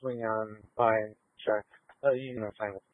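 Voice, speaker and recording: Male patrol officer on a police radio: terse, low, tinny. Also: fairly even intonation, a little slow, background noise. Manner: terse, matter-of-fact radio talk. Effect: police radio transmission. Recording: tinny, dry two-way radio.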